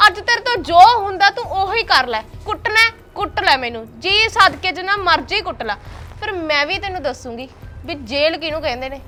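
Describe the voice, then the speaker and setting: A woman's voice: very high-pitched, animated, brisk, faint music behind, full character voice. A woman acting a fed-up young wife who works as a housemaid and scolds her husband in a short drama film. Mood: angry, defiant. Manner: sharp-tongued, scolding, taunting.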